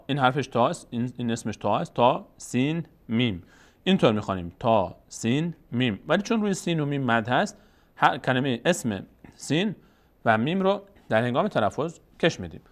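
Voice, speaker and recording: A male teacher leads a step-by-step recorded lesson on reading the Quran. He talks patiently, poses questions and answers them himself. When he demonstrates, he stretches each sound out slowly. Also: mid-range voice.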